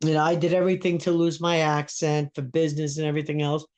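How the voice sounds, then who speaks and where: Her voice sits low and level, a little mellow, and she talks fast. She's a woman in her 70s from Brooklyn, New York with a thick accent, a blunt, heated, repetitive guest making casual conversation on a live stream.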